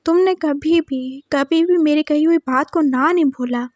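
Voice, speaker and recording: A sensitive older husband in a storybook, as a woman narrator puts him on speaks in a high voice. His manner is earnest and quick to scold. The recording is dry and close. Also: darkish tone, dry recording.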